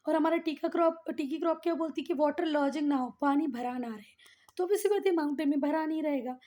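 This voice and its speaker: A woman leads a schoolroom lesson in a notably high voice. She explains patiently, repeats the key terms and keeps checking in with her students, switching now and then into textbook English. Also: mellow. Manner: mixes English textbook phrases into Hindi explanation. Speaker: teacher.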